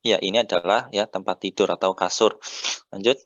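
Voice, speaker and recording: Low-voiced Indonesian man teaching Arabic. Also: steady tone, a bit bright, no echo, lo-fi sound. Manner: patient, says "ya" often, drills vowel endings slowly. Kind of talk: relaxed teaching.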